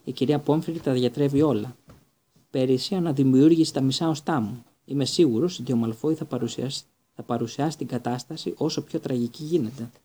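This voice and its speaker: A man playing a tense, defiant schoolboy in a storybook reading. The voice is close to the narrator's own, dark and husky, and it speaks with insistent urgency. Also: mid-range voice, close to an everyday voice.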